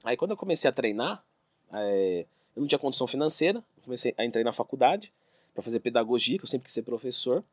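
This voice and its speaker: A man, a fitness expert telling his story as an interview guest, animated and acting out quoted dialogue. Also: mid-range voice, quick pace, dry recording.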